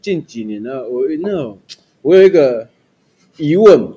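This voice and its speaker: A man's voice: a little high, lively intonation, a little slow, lo-fi sound, background noise. A man hosting a casual podcast chat, joking and laughing easily. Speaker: podcast host.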